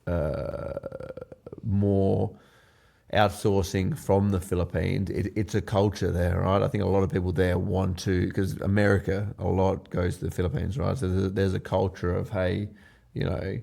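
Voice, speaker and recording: A man's voice: low voice, level tone, moderate pace, gravelly, warm tone. A man hosting a podcast, asking questions in a blunt, conversational way and thinking aloud. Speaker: podcast host. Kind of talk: casual interview questions.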